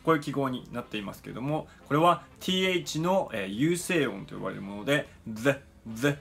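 A man teaching English pronunciation in a lesson, pausing often on "eh" fillers and slowly demonstrating sounds. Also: medium pitch, animated, creaky, fairly bright tone. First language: Japanese. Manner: frequent "eh" fillers, slow careful demonstrations.

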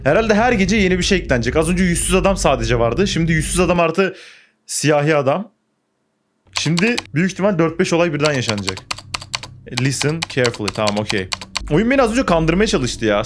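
A man's voice: fairly high pitch, expressive, brisk, background noise. A young man playing a horror game, commenting on the action, getting jumpy and swearing back at the game. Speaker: gaming YouTuber.

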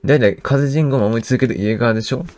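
A man's voice: medium pitch, a little fast, darkish tone, lightly acted. A man reading aloud a gossiping middle-aged village woman in a video game, chatty and rumor-spreading. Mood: gossipy.

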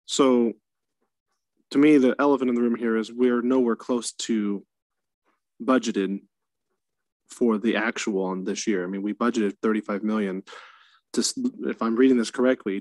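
A council member pressing pointed, skeptical questions about the budget at a meeting over a video call. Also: male voice, lowish voice, steady tone, normal speed, darkish tone, dry recording.

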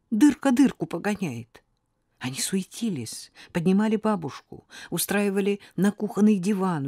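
A woman narrating an audiobook in a measured, expressive storytelling style. Her voice sits on the low side. The recording is dry and close, with no room sound. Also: no echo.

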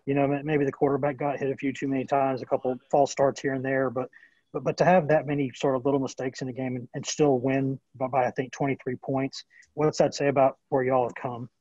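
A man's voice: medium pitch, little pitch movement, brisk, a little mellow, no echo, muffled recording. A male sports reporter asking long, rambling questions at a press conference over a video call.

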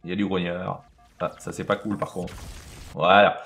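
A man's voice: deep voice, level tone, moderate pace, a bit bright, faint music behind. A man casually commenting on his own video game play, chatting to himself and to the enemies on screen.

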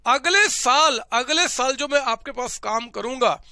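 A man's voice: very high-pitched, unhurried, pushed and bright, no echo, heavily acted. A male teacher voicing a pleading employee who begs his boss for money, in an urgent tone.

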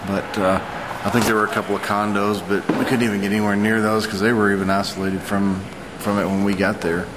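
A man in his forties talks in a low, flat voice, recounting what he saw as a storm chaser. His delivery is halting and matter-of-fact, like an off-the-cuff vlog. It is recorded indoors with clear background noise. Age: 40s. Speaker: storm chaser giving an eyewitness report. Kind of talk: unscripted vlog account. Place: hotel lobby, indoors.

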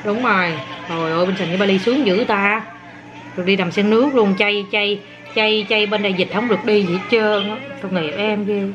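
A woman's voice: mid-range voice, steady tone, fairly quick, muffled recording. A woman filming her toddler and coaxing the child to repeat words in a casual home vlog. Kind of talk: casual family vlog chat. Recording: noisy home video recording.

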